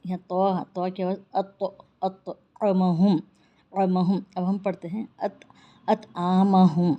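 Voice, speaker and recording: A woman teaching Quran recitation rules, explaining patiently and then reciting each verse slowly and drawn out. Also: on the low side, muffled recording.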